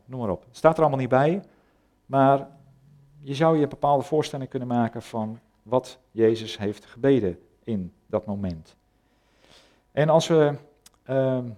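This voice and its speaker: Man preaching in relaxed conversational way. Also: medium pitch. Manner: conversational, hesitant with many fillers. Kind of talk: sermon with Bible reading.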